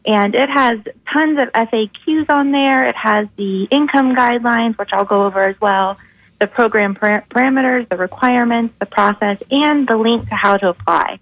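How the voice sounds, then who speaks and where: Lady on the phone to a radio show, clear businesslike county manager, dull lo-fi line. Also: a little high, normal speed, dry recording. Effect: over the phone. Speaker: county social services manager. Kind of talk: caller explaining a program on air.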